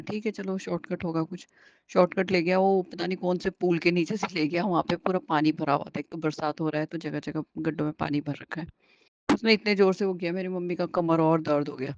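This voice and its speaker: A woman's voice: lowish voice, creaky, darkish tone, no room sound. A woman sharing a personal devotional testimony in a chatty way, acting out the dialogue she quotes and often restarting her sentences. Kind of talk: casual devotional storytelling. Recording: dull lo-fi home recording.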